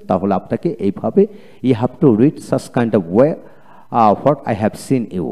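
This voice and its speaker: Bangladeshi guy teaching english sounds, says every word twice, spells it out, kinda dark mellow voice. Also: medium pitch. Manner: repeats each word twice, spells letters aloud. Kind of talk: pronunciation drill lesson.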